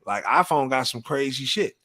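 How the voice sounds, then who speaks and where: A man's voice: medium pitch, lively intonation, moderate pace, pushed and bright. A man hosting a live show, talking in casual, profane, emphatic banter. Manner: profane, emphatic, repeats "you know what I'm saying". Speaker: podcast host.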